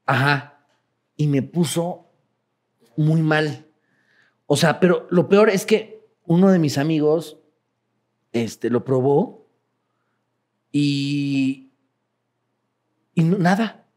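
A man with a Mexican accent, telling profane, animated stories as a guest in a casual interview. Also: on the high side, drawn-out words, pauses often. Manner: profane, animated, laughing while telling anecdotes.

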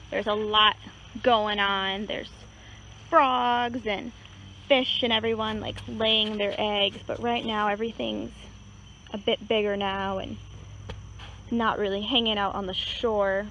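A woman's voice: mid-range voice, rough recording. A woman acting as a nature guide, giving a casual, chatty explanation with many fillers, outdoors beside a pond. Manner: relaxed, chatty, many fillers and hedging words. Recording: outdoor recording with clear insect and cricket noise. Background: crickets and insects in a rural setting.

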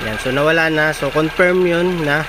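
A man's voice: on the high side, normal speed. A man with a Filipino accent gives a casual car repair demonstration to his viewers in an informal, buddy-to-buddy manner, with machine noise behind him. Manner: informal, addressing viewers as buddies. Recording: clear engine noise behind voice. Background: idling car engine, machine noise.

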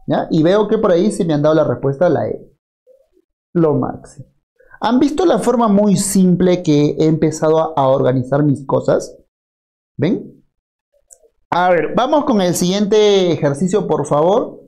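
A man's voice: sits high, measured pace, long pauses. A man from Peru teaching an online math class, walking through each step aloud and often asking "right?". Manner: lively, rhetorical tag questions, walks through each step aloud.

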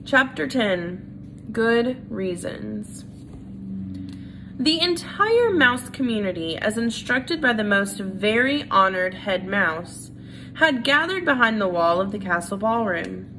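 A woman's voice: mid-range voice, expressive, slow, bright, forceful tone, a little hiss or hum, rough recording. A woman reading a children's book aloud, with casual, friendly asides to her listeners. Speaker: reader.

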